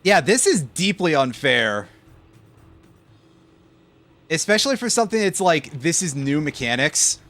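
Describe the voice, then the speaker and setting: A man's voice: on the high side, sing-song, measured pace, pauses often, pushed and bright, soft background music. A man giving casual let's play commentary, sarcastic and swearing as he complains about the game. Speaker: gaming commentator.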